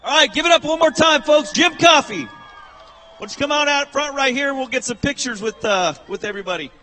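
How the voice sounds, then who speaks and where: A man's voice: very high-pitched, lively intonation, brisk, sharp tone, rough recording. A man interviewing a race winner in victory lane, folksy and chatty. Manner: folksy, repeats "I tell you what". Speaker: track-side interviewer.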